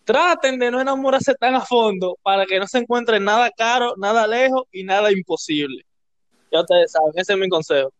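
A high-voiced man hands out homespun advice in a playful way. His voice is close and dry. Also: brisk, no echo. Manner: playful, offers folksy sayings. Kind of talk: casual chat.

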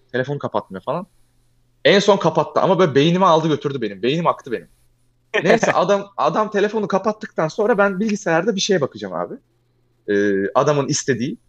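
A young man telling a long personal story in casual chat, fast and animated, often calling the listener "abi". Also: on the high side, muffled recording.

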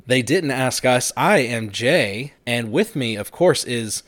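A man's voice: medium pitch, animated, slow, fairly bright tone, dry recording. A man in his thirties hosting a podcast, chatting casually and rambling with fillers and restarts. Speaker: podcast host. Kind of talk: casual chat.

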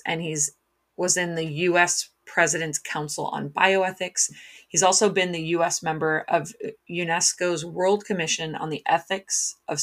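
A woman with a slightly low voice hosts an interview podcast. She speaks in a polite, informal, chatty manner as she introduces and questions her guest.

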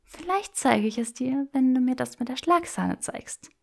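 A woman's voice: sits high, animated, moderate pace, gravelly, darkish tone, voice pushed up. A woman voicing a playful, bold young witch who teases and often whispers. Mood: teasing.

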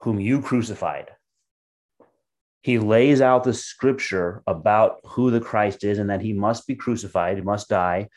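A man with a somewhat low voice leads a short devotional sermon. He reads scripture aloud and explains it in a steady, teaching manner. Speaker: pastor.

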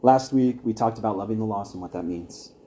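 A man's voice: lowish voice, a little fast, dark tone. A young man teaching an evangelism class at church, earnest and conversational, with wry asides to his listeners.

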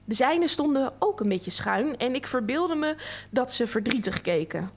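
A woman reading a literary text aloud in a measured, expressive way. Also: sits high, slight background noise. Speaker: reader.

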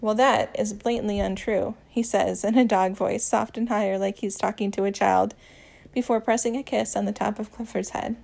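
A woman reading a romance story aloud, with a gentle, even storytelling manner and small voice changes for the dialogue. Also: mid-range voice, normal speed, creaky. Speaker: audiobook narrator.

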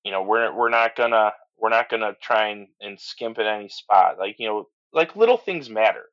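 Enthusiastic and prone to restarts and "you know"s, a middle-aged man who runs a transport business is a guest on a podcast, chatting casually in an interview. His lowish voice is animated and fairly bright, at a moderate pace, and the lo-fi recording sounds slightly dull.

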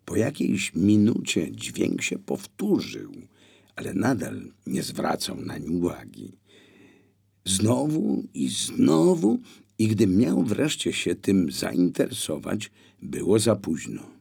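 Man narrating an audiobook, low gravelly husky voice, takes his time. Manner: measured, expressive reading. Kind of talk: scripted narration.

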